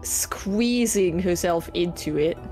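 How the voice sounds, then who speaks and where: A woman game master narrating a tabletop game casually and haltingly, as if thinking aloud. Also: lowish voice, warm tone, rough recording. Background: background music.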